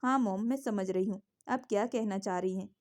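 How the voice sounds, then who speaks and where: A woman's voice: medium pitch, fairly quick, a little mellow, lightly acted. A woman voicing a scheming young woman who complains in a whiny way to her mother. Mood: complaining.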